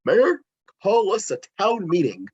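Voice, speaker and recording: An actor playing the ecstatic leader of a Halloween town in a script read-through, exuberant and commanding, slightly muffled. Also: male voice, high voice, huge pitch swings, a little slow, a little mellow, breathy edge, heavily acted.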